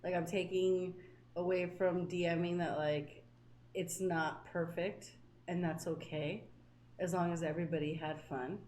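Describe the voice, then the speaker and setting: A woman's voice: on the low side, measured pace. Earnest young woman in an echoey room. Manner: earnest, teasing, animated. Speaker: podcast co-host, dungeon master. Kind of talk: casual chat. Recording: echoey room with faint hiss.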